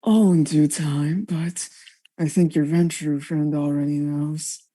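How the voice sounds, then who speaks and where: Woman putting on a gravelly, sly mystery caller. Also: sits low, fairly even intonation, slow pace, warm tone. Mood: cryptic. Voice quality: gravelly, raspy. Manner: sly, cryptic, taunting.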